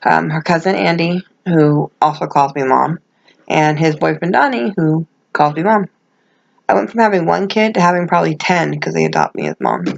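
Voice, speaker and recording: A middle-aged woman talks casually to her viewers in a lowish, creaky voice. Her words have the soft, gummy shaping of someone speaking without teeth. She rambles candidly and pokes fun at herself. The recording is muffled and lo-fi. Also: expressive, moderate pace. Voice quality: toothless, gummy articulation without dentures. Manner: rambling, self-deprecating, candid. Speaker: vlogger. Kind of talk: casual chat to camera.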